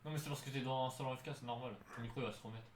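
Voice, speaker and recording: A young man on voice chat, quickly explaining server settings in a casual way. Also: mid-range voice, steady tone, slight background noise. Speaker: Discord server admin on voice chat.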